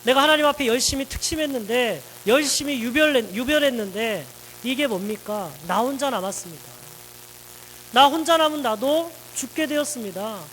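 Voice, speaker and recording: A man's voice: very high voice, moderate pace, fairly bright tone, in a large hall, a little hiss or hum, pitched above the performer's own voice, rough recording. A man voicing an exhausted, aggrieved male prophet who pours out complaints to God. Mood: complaining. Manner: pleading, complaining outbursts.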